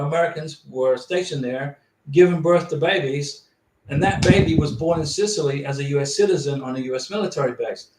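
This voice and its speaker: A man hosting a livestream, reading out viewer questions and answering them directly in a casual manner. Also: on the high side. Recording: roomy, distant and noisy.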